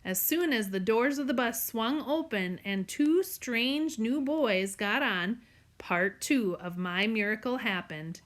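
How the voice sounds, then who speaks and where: A woman reads a novel aloud in the first person, earnest and steady. Her voice sits a little high for a woman. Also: takes it slowly. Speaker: audiobook narrator.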